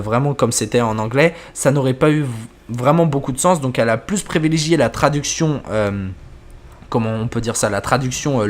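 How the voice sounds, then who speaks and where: A man hosting a horror story channel, wrapping up casually and thinking aloud with hesitant pauses. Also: a little high. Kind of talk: casual wrap-up commentary.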